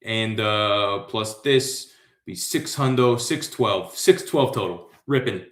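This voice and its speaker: A man's voice: fairly low pitch, takes it slowly. American man, trivia host, slangy and rambling, laid-back pace, roomy echoey sound. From Central Florida, USA. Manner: slangy, hyped, rambling asides. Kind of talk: casual livestream trivia hosting. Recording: echoey room.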